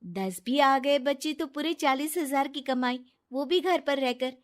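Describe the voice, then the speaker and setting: A woman's voice: high-pitched, a little slow. A woman voicing a trusting, kind young married woman who talks earnestly, in a storybook drama.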